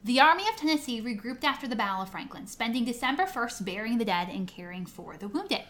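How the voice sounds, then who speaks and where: A woman's voice: a little high, lively intonation, fast, a bit bright. A woman co-hosting a history podcast, reading scripted historical narration, recorded in an attic. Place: indoors in the attic of a historic house. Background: air conditioning may be running.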